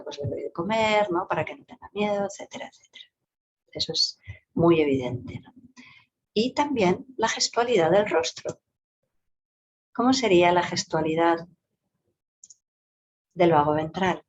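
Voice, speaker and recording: Low-voiced woman explaining with lively intonation. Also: slight background noise. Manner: lively, varied intonation with playful vocal demonstrations. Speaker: psychologist and yoga teacher giving a talk. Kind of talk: explanatory talk. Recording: dull lo-fi recording.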